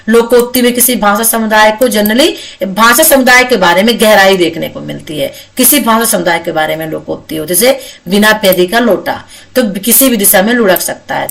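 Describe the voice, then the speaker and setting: A woman's voice: mid-range voice, vocal fry, a bit bright, far from the mic. A woman tutor giving a casual exam-prep lecture, chatty and repetitive, often adding tag questions and slipping English words into her explanations.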